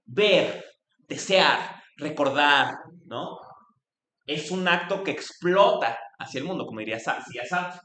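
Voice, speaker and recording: Animated man lecturing in an echoey room. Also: medium pitch. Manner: discursive, frequent "¿no?" tags and restarts, animated quoted exclamations. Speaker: philosophy lecturer. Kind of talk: university lecture.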